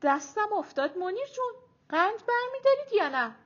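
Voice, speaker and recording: A woman's voice: very high-pitched, sing-song, fairly bright tone, pitched above the performer's own voice, heavily acted. A woman reading an audiobook, voicing a weary, irritable middle-aged mother with clipped, grumbling remarks. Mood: sardonic. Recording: dull lo-fi audiobook recording.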